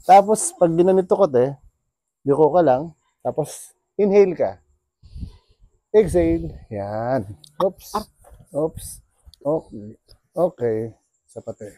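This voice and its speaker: A man's voice: fairly high pitch, expressive, slow pace, pauses often, mellow, no echo. A Filipino man talking a client through a bone-setting treatment. He coaxes her along in a soothing way and laughs often. His voice rises and falls a lot, and it sounds close and dry. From Philippines. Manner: soothing, coaxing, with frequent laughs. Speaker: bone setter.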